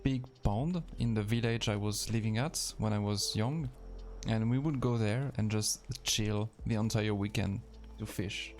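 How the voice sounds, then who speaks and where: A man's voice: on the low side, measured pace, slight background noise. A man with a French accent, a native French speaker, chatting casually on a live stream while playing a game and answering his chat.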